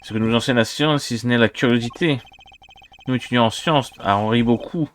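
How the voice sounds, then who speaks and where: A man's voice: medium pitch, brisk, slight background noise, close to an everyday voice. A man voicing a flustered, nerdy male science student testifying in court, pleading his innocence. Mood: earnest. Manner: protests in a pleading voice.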